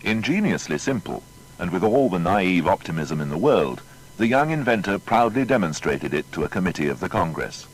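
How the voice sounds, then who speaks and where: This man narrates a scripted biographical documentary in a formal, dramatic storytelling style, his pitch swinging widely at a normal speed. The recording is low quality, with faint noise and a low rumble.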